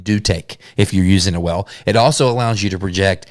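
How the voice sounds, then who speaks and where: A man with a fairly low voice hosts a solo business show, earnest and conversational, now and then stumbling and restarting a phrase. The sound is close and dry, with no room echo at all. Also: fairly quick. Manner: earnest, conversational, with self-corrections. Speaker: podcast host.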